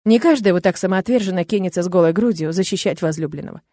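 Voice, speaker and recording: A woman narrating a fantasy audiobook in a steady, even reading voice. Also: fairly low pitch, fast talker, no echo. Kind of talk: scripted narration.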